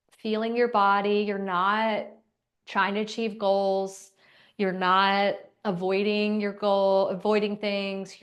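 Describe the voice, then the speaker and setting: A woman instructor leading an online class through gentle movement and breathing, with soft, calm cues. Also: mid-range voice. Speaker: exercise instructor.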